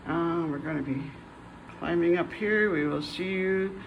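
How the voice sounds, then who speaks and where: A man's voice: a little high, a little slow, gravelly, dull audio, a little hiss or hum. A man in his fifties giving casual, chatty travel vlog narration outdoors at a lighthouse, plain-spoken with frequent ums and restarts. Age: 50s. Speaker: travel vlogger.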